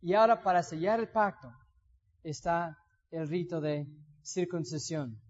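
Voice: medium pitch, unhurried. A preacher delivering a sermon in a church, reading scripture aloud and telling stories in a conversational way. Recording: dull lo-fi recording in an echoey hall.

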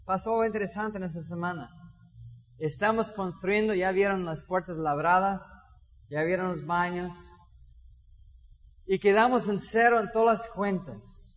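A man preaching a sermon as pastor, animated, acting out little dialogues with shifting voices. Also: high voice. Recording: dull sound in a reverberant hall.

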